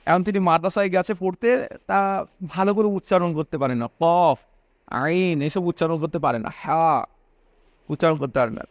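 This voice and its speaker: A man's voice: a little high, normal speed, no room sound. A man giving a religious sermon, repeating phrases for emphasis and asking his listeners questions. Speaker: preacher.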